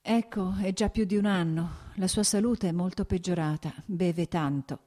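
A woman's voice: on the low side, normal speed, warm tone, voice pushed up, close to an everyday voice. Woman voicing a meek, worried companion.

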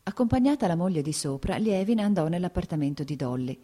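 A woman narrating a classic novel audiobook in a measured, literary manner. Her voice sits low and has a dark, mellow colour. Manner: measured, even literary reading.

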